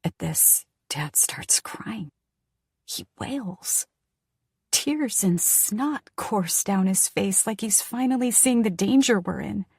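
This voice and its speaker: A woman narrating a first-person thriller audiobook in a tense, hushed voice that often drops near a whisper. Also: medium pitch, expressive, slow pace, few pauses, husky, no room sound, clean studio sound.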